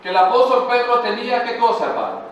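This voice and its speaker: A man with a Mexican Spanish accent preaching a sermon as pastor, reading scripture slowly and stopping to quiz his congregation. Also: extremely high pitch, expressive, fairly bright tone, slight background noise. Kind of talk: sermon with congregational call-and-response. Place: church sanctuary. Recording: very echoey church from far off.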